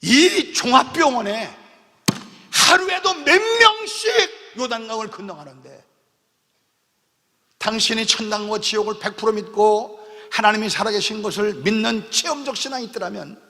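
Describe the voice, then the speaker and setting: Pastor, male, high bright voice, emotional revival storyteller; long church-hall reverb. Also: animated, moderate pace. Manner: emotional, often tags lines with a questioning "eh?"; acts out dialogue voices while telling stories. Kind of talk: revival sermon with dramatic storytelling. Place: large church sanctuary at a revival meeting.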